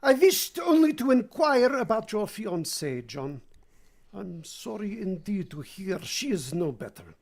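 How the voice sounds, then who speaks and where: A woman acts out a courtly vampire count with a husky, gravelly voice. The delivery is formal and menacing, in the manner of vintage radio drama, with wide swings in pitch. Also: very animated, unhurried, a little mellow. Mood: courtly, restrained.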